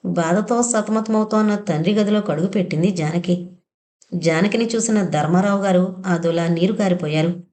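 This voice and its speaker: A woman reads a family novel aloud in a steady, measured way. Her voice sits low and sounds warm and mellow, with no harshness. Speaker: audio novel narrator. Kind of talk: scripted narration.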